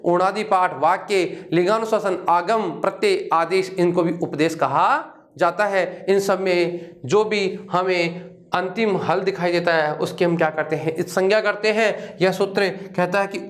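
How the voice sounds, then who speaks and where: A man's voice: high voice, a little slow. A man teaching a grammar lesson who keeps asking questions and answering them himself, repeating key terms with emphasis. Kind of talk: classroom lecture.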